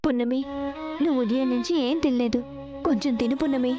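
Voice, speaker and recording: An actress playing a caring household helper in a TV serial, gently consoling and urging. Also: female voice, sits high, fairly even intonation, brisk, music in the background, lightly acted. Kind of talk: TV serial acting.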